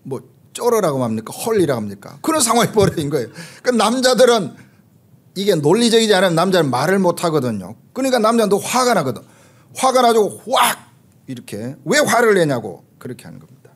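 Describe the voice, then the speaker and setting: A middle-aged man preaches a sermon in a voice a little higher than most men's. He tells stories and acts out the lines of the people in them, filling his pauses with "uh". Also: sing-song, slightly rough. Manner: storytelling with acted quotes, frequent "uh" fillers. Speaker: pastor.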